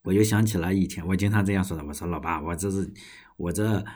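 A young man from China hosts his own podcast, talking casually and at length in a solo monologue. He rambles, restarts often, and swears now and then, in a deep, darkish voice and at a fast clip.

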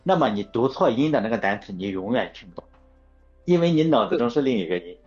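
A man's voice: medium pitch, very animated, fast talker, a little mellow, breathy edge. A man hosting a casual chat show, rambling through anecdotes and correcting himself as he goes. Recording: dull lo-fi sound with faint music.

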